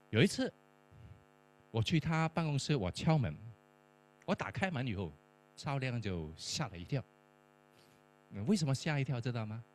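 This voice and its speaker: A middle-aged man, a professor and church mentor, telling a testimony-style story and acting out the dialogue. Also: medium pitch. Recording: faint mains hum.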